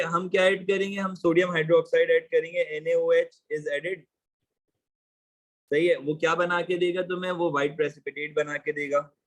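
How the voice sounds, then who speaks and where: Male teacher with a fairly high voice, running a casual online chemistry class and mixing Hindi with English. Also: fairly bright tone, poor audio. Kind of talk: live online class, explaining exam questions.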